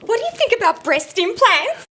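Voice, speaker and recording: Very high-pitched, campy, gushing woman host. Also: sing-song, a little fast, sharp tone, a little hiss or hum. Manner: theatrical, gushing, campy, calls everyone darling. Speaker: host of a makeover chat show. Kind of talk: celebrity chat show presenting.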